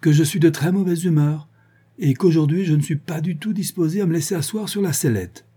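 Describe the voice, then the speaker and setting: A woman's voice: sits low, fairly quick, mellow, husky, voice pushed up. A man voicing a proud, irritable young marquise who speaks curtly, in a raised voice. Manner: curt, irritable. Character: moody proud young marquise, sharp-tongued.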